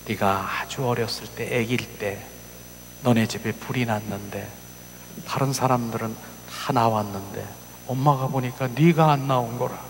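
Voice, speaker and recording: A man's voice: mid-range voice, moderate pace, a little hiss or hum. Impassioned male pastor in a reverberant hall. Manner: dramatic, swings from soft whispers to loud cries; acts out voices in the story. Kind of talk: emotional sermon storytelling. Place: church sanctuary.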